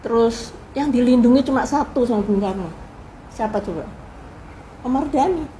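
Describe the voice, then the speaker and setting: An older woman recalls her family's past as an interview guest, in a higher voice than most women. She talks casually and with energy, and slips into the voices of the people she quotes. A faint hiss sits under her voice. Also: moderate pace, rough recording. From Indonesia. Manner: animated storyteller who acts out quoted people. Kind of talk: casual spoken reminiscence.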